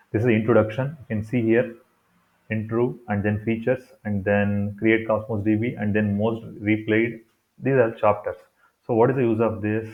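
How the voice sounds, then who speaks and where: A man with a Kannada accent in Indian English explains steps in an improvised, repetitive way, as in an unscripted screen tutorial. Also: lowish voice. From Karnataka, India. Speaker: tutorial presenter. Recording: thin, phone-like narrow-band sound.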